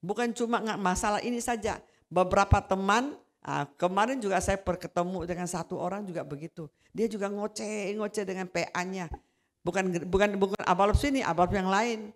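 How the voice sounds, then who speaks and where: A woman preaching a sermon, telling a personal testimony in a conversational way that grows animated when she retells quarrels. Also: mid-range voice, brisk.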